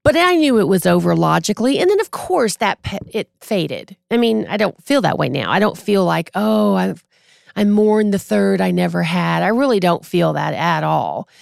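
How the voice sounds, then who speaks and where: A woman in her forties, a podcast guest, telling a personal story in a casual, animated way and acting out what others said. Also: medium pitch, moderate pace, creaky, no echo, clean studio sound. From Texas. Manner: animated, acts out quoted voices.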